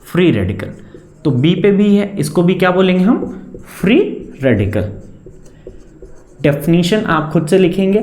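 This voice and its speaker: A man's voice: sits high, darkish tone. Male chemistry teacher, echoey room. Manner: coaxing, calls students beta, asks and answers own questions; dictates definitions slowly, word by word. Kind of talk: classroom lecture.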